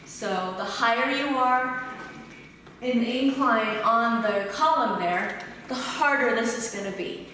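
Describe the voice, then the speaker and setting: A woman in her thirties leads a home exercise lesson, calmly cueing each breath and movement. Her voice is bright and fairly high. She is recorded from a distance, so the tiled room echoes around her with a long tail. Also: a little hiss or hum. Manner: calm step-by-step cueing of breath and form. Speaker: fitness instructor. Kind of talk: instructional exercise demonstration.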